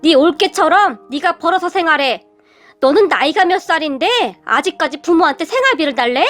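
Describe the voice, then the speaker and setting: A woman's voice: very high-pitched, animated, moderate pace, a bit bright, soft background music. A woman voicing a stern, commanding father-in-law who gives firm orders.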